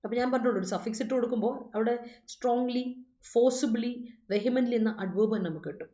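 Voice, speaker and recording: A woman's voice: fairly high pitch, fairly quick, mellow. Teacher woman, roomy. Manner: mixes Malayalam and English, reads students' comments aloud and corrects them; repeats reminders to remember. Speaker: English vocabulary teacher. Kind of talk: live online class explaining English words. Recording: roomy, dull-sounding room recording.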